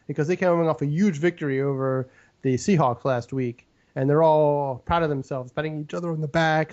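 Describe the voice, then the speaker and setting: Guy rambling thru football picks, um uh a lot, slightly high voice, dull audio. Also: darkish tone. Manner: rambling, many fillers. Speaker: sports picks show host. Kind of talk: casual sports picks analysis.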